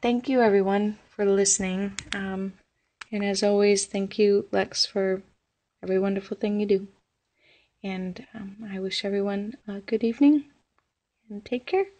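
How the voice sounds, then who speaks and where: A young woman casually telling her own ghost story, rambling and animated, with plenty of fillers. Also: mid-range voice, moderate pace. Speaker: listener sharing a ghost story.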